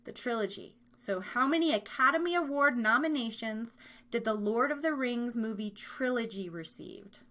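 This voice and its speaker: Hosting a live trivia game, this American-accented woman speaks at a moderate pace in a fairly high, bright, animated voice. The live-stream chat is casual, and she keeps it playful with giggly, chatty asides to her audience.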